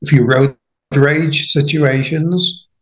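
A man's voice: a little high, fairly even intonation, poor audio. A man in his sixties, a podcast guest chatting casually and often restarting his sentences. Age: 60s. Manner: halting, many repeated starts. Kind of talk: casual conversation.

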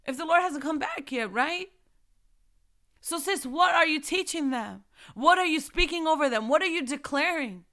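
A young woman with an expressive, high voice speaks at a moderate pace in a casual preaching talk aimed at other mothers. Fervent exhortations and repeated rhetorical questions fill her delivery, which shifts between soft reflection on her own experience and loud urging.

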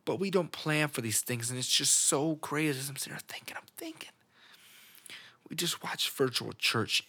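A man hosting a podcast, talking without a plan in an emotional, halting monologue that keeps trailing off and repeating itself. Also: mid-range voice, pushed and bright, breathy edge. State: emotional, on the edge of tears. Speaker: podcast host. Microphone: studio microphone.

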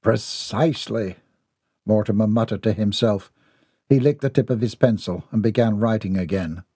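A man narrating an audiobook in a measured, formal storytelling manner. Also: on the low side, dark tone, husky, no echo, clean studio sound.

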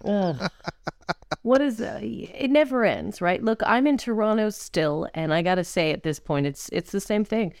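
A woman's voice: mid-range voice, lively intonation, normal speed, vocal fry, no echo, studio quality. A woman co-hosting a show in casual, playful, gushing chat. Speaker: podcast co-host.

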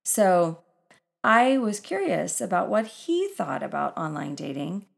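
Creaky, low-voiced woman guiding calm meditation. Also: measured pace. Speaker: podcast host. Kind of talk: slow guided breathing meditation.

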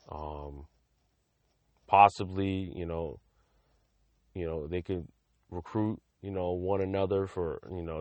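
Low-voiced rambling podcast host, man. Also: darkish tone, dry recording. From Massachusetts. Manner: rambling, many fillers and restarts. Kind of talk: casual solo sports podcast talk.

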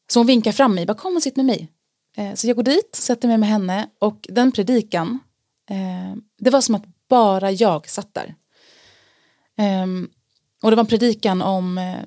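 A woman telling her personal story in an interview, earnest and reflective, pausing often with fillers. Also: mid-range voice, mellow, no echo, studio quality. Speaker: interview guest sharing testimony. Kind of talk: personal testimony in conversation.

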